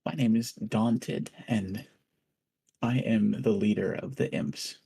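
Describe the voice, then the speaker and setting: Imp leader played by a man in a tabletop game: self-important, formal, low husky voice. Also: slow pace, dark tone, heavily acted.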